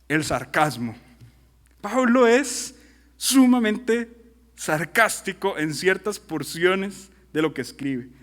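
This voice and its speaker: A pastor with a Costa Rican accent preaching a sermon, animated and full of rhetorical questions to his listeners. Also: high-pitched. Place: church hall. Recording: long hall reverb.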